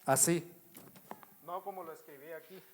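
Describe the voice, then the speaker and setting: A man's voice: a little high, normal speed. A man with a Mexican Spanish accent teaching a Bible study in a church. He writes on a board as he explains, repeats himself, and keeps asking the congregation whether they follow. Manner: addresses the congregation as brothers, asks if they follow. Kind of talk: slow, repetitive Bible teaching.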